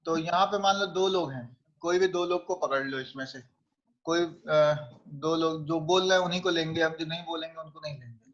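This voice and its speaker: A man's voice: a little high, fairly even intonation, moderate pace, a bit bright, dull audio. A man teaching physics, conversational and often checking that students follow. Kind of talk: online class lecture.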